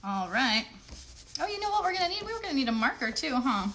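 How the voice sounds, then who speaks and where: A woman with a high, sharp voice speaks fairly quickly, her pitch swinging widely. She hosts a children's craft livestream, chatting through each step in simple words. She's encouraging and keeps asking her young viewers questions to check in with them.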